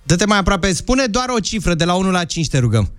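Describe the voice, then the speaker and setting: High-voiced playful male radio host. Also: very animated, fairly bright tone, soft background music. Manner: playful, coaxing callers to speak up. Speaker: morning show host. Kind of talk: lively radio call-in banter. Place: broadcast studio.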